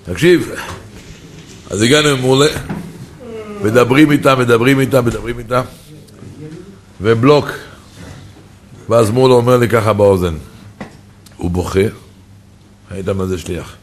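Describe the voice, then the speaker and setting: A man's voice: mid-range voice, long pauses. A man telling a personal story in an earnest, emotive way.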